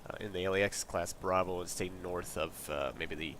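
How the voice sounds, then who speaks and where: A congested man streaming a flight sim talks casually through its checklist, relaxed and rambling as he reads each item aloud. His voice is low and his pace moderate, captured on a desk mic in a noisy home recording.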